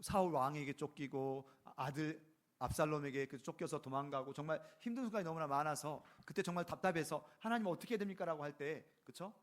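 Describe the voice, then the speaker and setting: A man with a fairly high voice preaches a sermon in an easy, conversational way, breaking off again and again to ask the congregation "right?" When he reads scripture he slows down and takes each phrase deliberately. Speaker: pastor.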